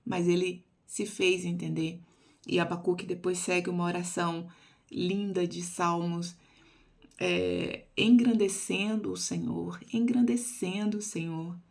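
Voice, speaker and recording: A woman, giving an earnest devotional Bible teaching and reading verses aloud slowly. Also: fairly low pitch, steady tone, gravelly.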